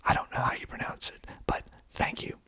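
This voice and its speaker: Reading in a whispered ASMR style, a male filmmaker and actor keeps his voice breathy and mostly without tone. The pace is deliberate, with wry asides delivered deadpan.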